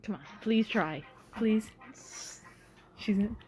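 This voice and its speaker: A woman's voice: mid-range voice, takes it slowly, darkish tone, slight background noise. Woman tabletop player, casual, teasing, mid-range voice. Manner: teasing and encouraging. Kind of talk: casual chat.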